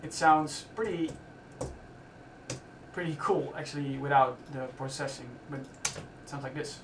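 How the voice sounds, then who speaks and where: A man with a slightly raised voice hosts a casual live stream from a music studio, thinking aloud as he works on a track. He talks in halting bursts and restarts his sentences. His voice carries a roomy echo, picked up from some distance with faint ambient noise behind it. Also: fairly high pitch, steady tone.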